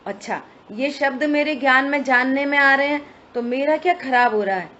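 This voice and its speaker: A woman's voice: high voice, moderate pace, bright, forceful tone. A woman giving a religious study discourse, explaining step by step and asking her listeners rhetorical questions. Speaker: scripture teacher. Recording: dull lo-fi recording with faint hiss.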